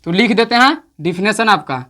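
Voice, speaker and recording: A man with a Bihari accent teaching an exam-prep lesson, often checking "understood?" and slowing down to dictate definitions. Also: high-pitched, lively intonation, pushed and bright. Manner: repeats "samjhe na?" checks, slows to dictate definitions.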